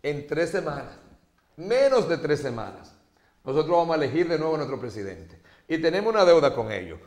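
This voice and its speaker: A man's voice: on the high side, lively intonation, quick pace, darkish tone, reverberant. A man with a Dominican accent hosting a political talk show, speaking emphatically and in a preachy, teasing way. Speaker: host.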